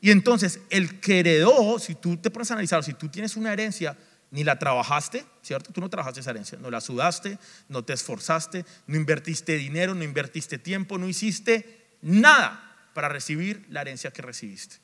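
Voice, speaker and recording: Preaching with emphasis in a church sanctuary, this Latin American pastor keeps returning to refrains and questioning his congregation. His voice is fairly high, a bit bright and animated, at a moderate pace, with long reverb filling the room.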